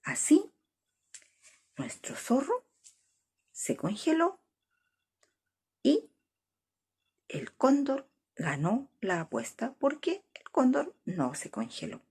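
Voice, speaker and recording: A woman reads a folk tale aloud to children. Her voice is husky and breathy, slightly high, and swings widely in pitch. She takes her time and slips into hushed whispers. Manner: slow and expressive, with whispered asides. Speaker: storyteller. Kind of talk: expressive storybook reading for children.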